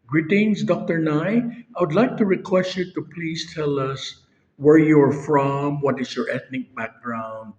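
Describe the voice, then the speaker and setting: A man's voice: fairly high pitch, a little slow, a little mellow. Polite man interviewer, muffled audio. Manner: formal and polite. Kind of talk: interview questions. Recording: dull lo-fi audio.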